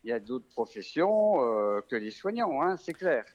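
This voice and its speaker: A man from the Vosges with a Vosges French accent, a rural family doctor talking casually in an interview, relaxed and hesitant with many fillers and restarts. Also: medium pitch, normal speed, highs cut off. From Vosges, France.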